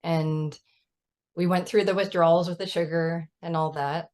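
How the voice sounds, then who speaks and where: Her voice on the low side, steady and darkish at a moderate pace, a mother whose child has type 1 diabetes shares stories over a casual video call. She speaks with earnest emphasis and keeps adding "right?".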